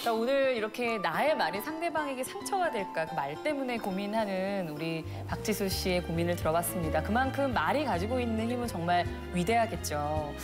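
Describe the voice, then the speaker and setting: A woman's voice: mid-range voice, expressive, a little fast, hardly any pauses. A woman co-hosting a talk show, presenting in a composed broadcast style. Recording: loud music behind the voice.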